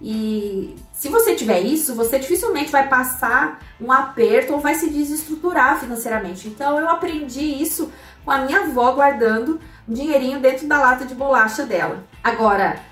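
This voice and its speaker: A woman with a fairly high voice tells her story in a relaxed, talkative way, turning to her listeners as she goes. She sounds set back from the microphone in an echoey room. Soft music plays underneath. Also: moderate pace, far from the mic. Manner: chatty, addresses listeners directly, many fillers. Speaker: storyteller sharing personal finance lessons. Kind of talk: casual personal storytelling to an audience.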